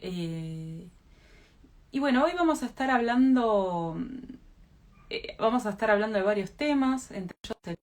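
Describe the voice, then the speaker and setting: A woman's voice: medium pitch, expressive, unhurried. A woman with an Argentine accent hosting a casual live video chat, hesitant and full of fillers. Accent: Argentine Spanish. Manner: hesitant, many fillers and restarts. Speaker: host of a live stream. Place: Mar del Plata, indoors.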